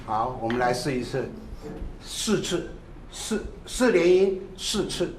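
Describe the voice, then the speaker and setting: A man's voice: fairly high pitch, sing-song, takes it slowly, reverberant, a little hiss or hum. A man teaching a drum class who calls out counts and short cues between demonstrations.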